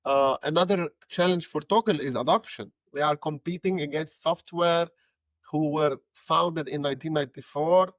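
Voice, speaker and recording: A man's voice: on the high side, normal speed, no room sound. A young adult man from Lebanon, a podcast guest speaking conversationally and often repeating words as he thinks. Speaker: guest, head of growth. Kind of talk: casual interview talk.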